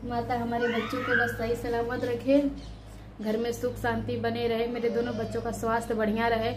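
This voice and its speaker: A woman's voice: fairly high pitch, background noise. A woman in her thirties, a mother and vlogger, speaking in a tearful, prayerful way about her family and her daughters. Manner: tearful prayerful speech, shouting at children. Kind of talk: casual devotional family vlog.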